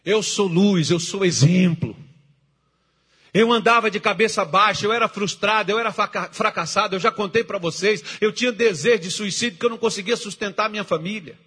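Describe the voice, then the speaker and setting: A middle-aged man preaching a sermon as pastor, moving from hushed storytelling to shouted exhortation. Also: sits high, a little fast, slightly rough.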